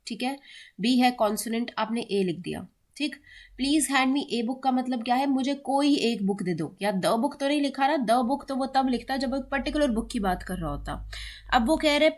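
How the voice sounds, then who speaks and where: Brief: Indian woman teacher, a bit high-pitched, explaining grammar, mixes Hindi with English, says examples slowly. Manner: mixes Hindi and English, checks in with "ठीक है", slows down to read examples aloud. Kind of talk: explaining grammar in a classroom-style lesson.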